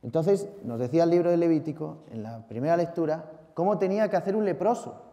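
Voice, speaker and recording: A man from Spain with a Spanish accent, a priest reading the Gospel and preaching a Sunday homily in a lively, theatrical way, talking straight to the congregation. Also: a little high, fast. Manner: lively, theatrical, shouts out acted cries, talks to listeners directly. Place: large church. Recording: long church reverb.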